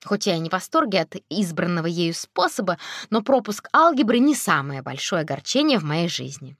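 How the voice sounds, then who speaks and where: A woman's voice: on the low side, sing-song, brisk, fairly bright tone, no echo, clean studio sound. A woman narrating a first-person audiobook in a wry, conversational manner.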